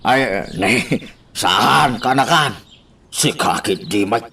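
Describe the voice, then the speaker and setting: A man's voice: on the low side, expressive, slow, vocal fry, pushed and bright, slight background noise, exaggerated voice. A man voicing a worried uncle who keeps exclaiming fretfully, in a radio drama.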